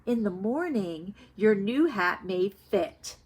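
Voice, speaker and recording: A woman's voice: mid-range voice, expressive, takes it slowly, husky, rough recording. Woman reading a confident, helpful storybook frog. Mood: helpful, encouraging. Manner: firm, instructive, reassuring. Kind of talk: children's storybook read-aloud.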